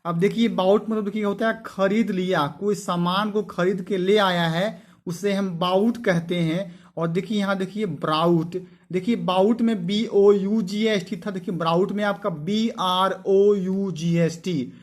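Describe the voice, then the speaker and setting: A man's voice: high voice, fairly even intonation, measured pace. A man teaching English vocabulary, who spells words letter by letter and keeps asking his students questions that he then answers himself. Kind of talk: explaining word meanings to students.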